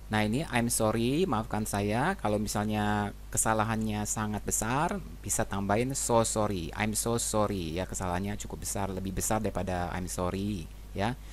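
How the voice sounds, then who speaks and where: Relaxed low-voiced man teaching English. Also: moderate pace, slight background noise. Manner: relaxed, conversational, frequent tag questions. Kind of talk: casual explanatory lesson.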